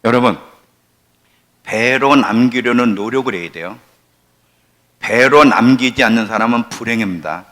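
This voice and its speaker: A man in his sixties preaching a sermon as pastor, emphatic, swinging from near-shouts down to low, quiet asides. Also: normal speed, long pauses. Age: 60s.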